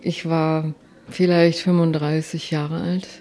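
An older woman telling a personal story in a lively way, often quoting her own thoughts. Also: low voice, slow.

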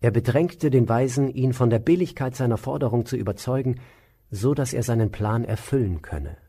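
A man calmly reading an old legend aloud in a measured way. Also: mid-range voice, husky. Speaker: storyteller.

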